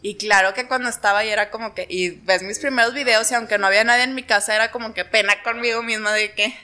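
Bright young northern Mexican woman. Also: fairly high pitch, fast talker, smooth. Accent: northern Mexican, Monterrey. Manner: animated storytelling, quotes herself and others in acted asides. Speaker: YouTuber interview guest. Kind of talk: casual chat.

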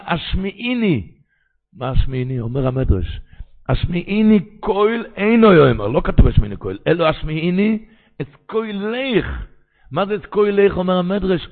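A man who is a rabbi, giving a Torah sermon with animated preaching and sudden cries. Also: fairly high pitch, gravelly, narrow, tinny audio.

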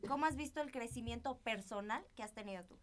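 A woman's voice: a little high, fast. A woman who hosts a casual interview and answers with short affirmations.

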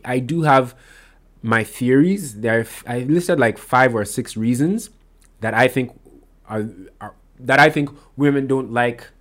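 A man's voice: medium pitch, fairly bright tone. A man hosting a solo podcast, talking casually and rambling, often restarting and correcting himself with lots of fillers. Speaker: podcast host.

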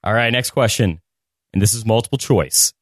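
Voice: mid-range voice, moderate pace, no echo, studio quality. A trivia podcast host talking casually and reading out quiz questions in an upbeat, joking way.

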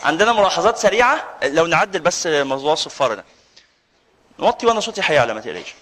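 A man with an Egyptian accent lectures a live audience as a sheikh, rattling through his points at breakneck speed. His voice sits high for a man, and he keeps slipping teasing jokes in among the announcements. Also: sing-song, very fast, fairly bright tone. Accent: Egyptian Arabic. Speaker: sheikh giving a lecture course. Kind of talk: live religious lecture with banter. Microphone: handheld or stand mic, with some feedback whistle.

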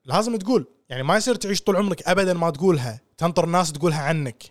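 Fast-talking man on a podcast. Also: a little high, dry recording, studio quality. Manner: animated, mixes English phrases into talk. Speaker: podcast co-host. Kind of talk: casual podcast chat.

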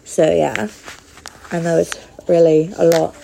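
Woman rambling on her podcast, slow and unhurried, gravelly fry in her voice. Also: fairly low pitch, level tone, dark tone, slight background noise. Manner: rambling, with many fillers. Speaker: podcast host. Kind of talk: casual personal monologue.

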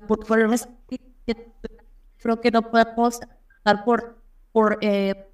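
A Mexican woman speaking over a remote call whose connection keeps cutting out, so her talk arrives halting and broken. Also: a little high, level tone. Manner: halting, full of restarts and fillers. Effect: voice cutting out on a dropping call connection. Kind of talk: remote panel discussion.

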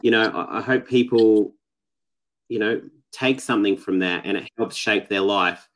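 A man's voice: lowish voice, normal speed, a bit bright, rough recording. A man, a guest on a podcast, talking casually and reflectively, with many fillers and restarts. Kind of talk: casual interview talk.

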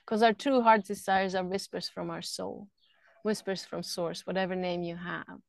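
A woman's voice: on the low side, steady tone, moderate pace, vocal fry, no echo. A middle-aged woman from Switzerland, a podcast guest who talks earnestly and flowingly about energy healing, often repeating words as she thinks. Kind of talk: casual interview talk. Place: camper van.

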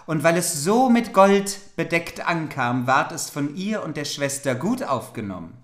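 A podcast co-host reads an old fairy tale aloud at a mid pitch and sometimes trips over old-fashioned words. The room has a roomy echo. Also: sing-song, measured pace. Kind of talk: fairytale reading with banter.

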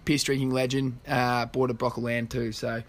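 A man's voice: medium pitch, little pitch movement, moderate pace. An Australian man hosting a podcast in casual banter, with a blokey, slangy way of talking. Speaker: podcast host. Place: outdoors.

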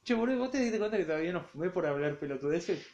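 High-voiced Argentine guy in an echoey room. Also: animated, rapid-fire, dull audio, a loud crowd. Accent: Rioplatense Spanish. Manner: laid-back, swears a lot, self-deprecating. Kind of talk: casual chat between friends. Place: friend's house, indoors. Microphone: phone recorder.

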